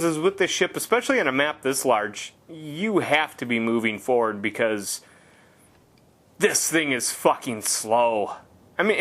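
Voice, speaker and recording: A man's voice: fairly high pitch, a bit bright. A man giving casual gameplay commentary, rambling and sarcastic with heavy swearing.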